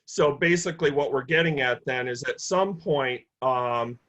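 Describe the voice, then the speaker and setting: A man chairing a town board of finance meeting over a video call, speaking in a measured, steady way with frequent fillers. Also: medium pitch, poor audio. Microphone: computer mic on a video call.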